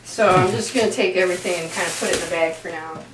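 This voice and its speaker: Racing along in a fairly low voice, a young woman jokes to the camera while cooking in her home kitchen. She's a home cooking vlogger giving a casual, chatty demo. Sound comes from a camera mic a few feet away, leaving it echoey and noisy.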